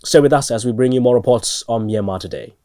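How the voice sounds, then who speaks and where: A man's voice: mid-range voice, fast talker. A man presenting radio news, reading scripted reports.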